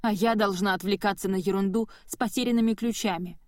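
A woman's voice: mid-range voice, a little slow, darkish tone, dry recording, studio quality, lightly acted. A woman voicing a weary, exasperated woman mayor who speaks in a strained, clipped way. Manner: strained, clipped, holding back irritation.

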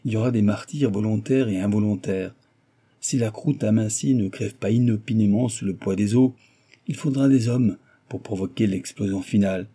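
A man's voice: on the low side, normal speed, dark tone, slightly rough. Man doing a cruel gloating young villain. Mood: cold menace. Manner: sneering, cold and menacing.

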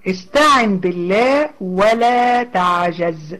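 A woman's voice: mid-range voice, lively intonation, slow, fairly bright tone, low-quality recording. A woman with an Egyptian accent teaching a religious lesson conversationally, asking rhetorical questions and checking in with her listeners.

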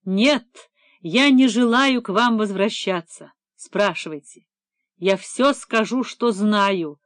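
A woman's voice: mid-range voice, takes it slowly, no room sound, studio quality, close to an everyday voice. A woman doing a hysterical broken man. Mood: pleading hysterical. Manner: pleading, wailing, theatrical. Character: distraught male embezzler, hysterical, broken.

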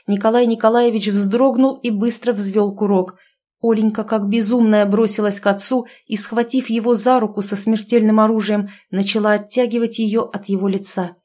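A woman narrating a novel in an even, expressive audiobook reading. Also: mid-range voice.

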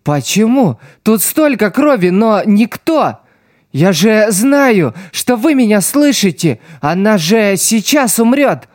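A man's voice: high voice, very animated, no echo, studio quality, full character voice. A man reading an audiobook, voicing a desperate young street boy who pleads and cries out for help. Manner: crying out, pleading, drawn-out shouts.

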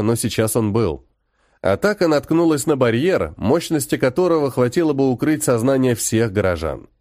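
A man narrating a fantasy story in a dramatic, expressive reading. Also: on the high side, no echo, studio quality. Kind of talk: scripted audiobook narration.

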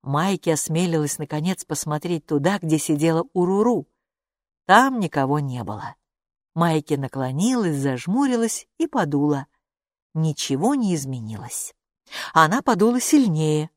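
A woman narrating a children's storybook with expressive, lively delivery. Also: deep voice, normal speed, no room sound, studio quality. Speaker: audiobook narrator.

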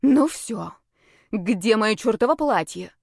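A woman voicing a stubborn, hot-tempered young witch heroine who protests loudly. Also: medium pitch, lively intonation, measured pace, dry recording, studio quality. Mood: indignant. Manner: exasperated, emphatic.

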